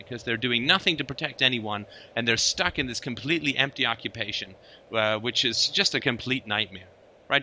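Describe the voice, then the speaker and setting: Bright-voiced man talking emphatically. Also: mid-range voice. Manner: emphatic, keeps checking in with "right?". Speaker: host. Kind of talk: casual philosophical conversation.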